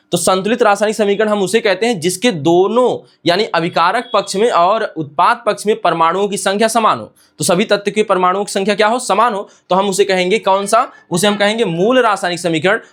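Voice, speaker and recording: A man with a high voice teaches a science lesson. He asks the class a question and answers it himself, then repeats each definition word by word, slowly, so the class can write it down. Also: a bit bright. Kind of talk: classroom lecture.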